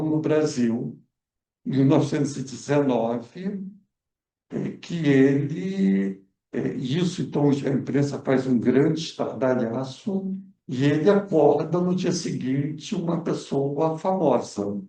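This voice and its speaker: Explaining history as a guest researcher at a film club debate, a man keeps hesitating, using fillers and starting over. His voice is a little high with a warm tone, picked up from a distance in an echoing event room at a cultural center.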